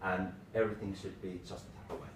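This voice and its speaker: A man in his thirties giving an informal tech lightning talk in short, halting phrases. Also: sits low, flat delivery. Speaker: tech presenter, developer. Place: small meeting room, indoors. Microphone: far camera microphone. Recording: roomy, distant mic with clear background noise.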